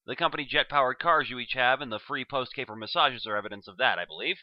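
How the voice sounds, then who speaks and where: A man's voice: medium pitch, fast talker, dry recording, highs cut off, close to an everyday voice. A man performing a comic dramatic monologue as an aging, sentimental supervillain, with florid, genteel, theatrical phrasing. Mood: apologetic, reassuring. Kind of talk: dramatic comic monologue reading, addressed as a staff speech.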